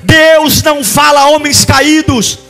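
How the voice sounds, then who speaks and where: A Brazilian pastor delivers a fervent sermon in a high voice, swinging between shouted, chanted lines and a low, hushed appeal. His accent is Brazilian Portuguese. Soft music plays faintly behind him. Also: fairly even intonation, a little slow, vocal fry.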